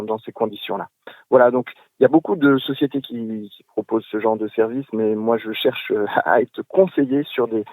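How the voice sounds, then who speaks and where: A man leaving a voice message for a podcast, hesitant and halting, stopping often to search for words. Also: medium pitch, dark tone, no echo, low-quality recording. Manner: hesitant, many fillers and restarts. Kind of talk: recorded voice message.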